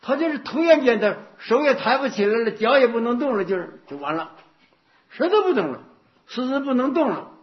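A man's voice: very high-pitched, very animated, a little fast. A male Buddhist teacher giving a dharma talk. He tells stories, repeats himself and asks rhetorical questions. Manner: anecdotal, repetitive, rhetorical questions. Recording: dull lo-fi recording.

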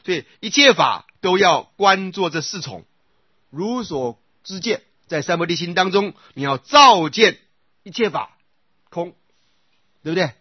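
A Buddhist dharma teacher with a husky, somewhat breathy, high-pitched voice leads an expressive lecture on scripture. He recites sutra phrases in a slow, repeated cadence and often checks with the class by asking "right?" to see if they follow. The recording is dry and slightly muffled, like modest lo-fi audio.

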